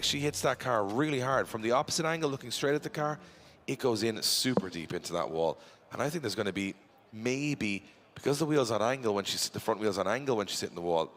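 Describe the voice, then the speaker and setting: A man's voice: fairly low pitch, fairly bright tone. A man giving live drift commentary, chatty and bantering with his co-host.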